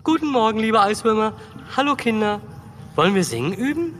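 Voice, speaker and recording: A man's voice: high-pitched, sing-song, brisk, fairly bright tone, a little hiss or hum. An actor voicing a cheerful young male foal who talks in casual slang in a children's audio drama. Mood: eager.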